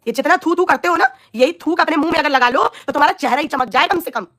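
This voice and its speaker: Woman with a high voice and a scratchy throat, angrily scolding someone on her live stream. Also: fast talker, fairly bright tone. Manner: scolding, insulting, heated. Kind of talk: angry live-stream rant at viewers.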